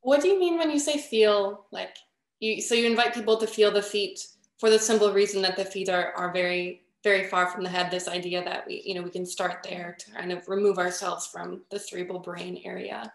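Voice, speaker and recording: A woman's voice: medium pitch, fairly even intonation, fairly quick, gravelly. A woman hosting an interview, asking curious, probing questions. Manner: curious, questioning, frequent affirmations. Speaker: interviewer, host. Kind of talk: conversational interview. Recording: roomy echo.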